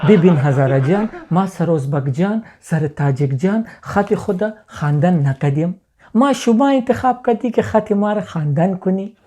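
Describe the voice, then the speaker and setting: A man's voice: high-pitched, expressive, warm tone. A man with a Pashto-accented Dari voice, playing a proud, easily offended Pashtun man who speaks in broken grammar in a comedy sketch. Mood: insistent. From Afghanistan. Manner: pleading, insistent, easily offended. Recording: noisy home recording.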